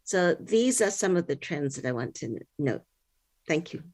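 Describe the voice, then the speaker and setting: A middle-aged woman from Singapore, speaking as a panelist on a video call in a measured, informative way. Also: low-pitched, big pitch swings, a little mellow. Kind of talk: online panel talk.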